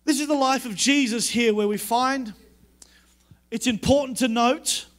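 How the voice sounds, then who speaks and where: A man gives a sermon as a pastor, unhurried yet emphatic and repetitive. Each time he quotes God's words, his voice sinks low and goes soft.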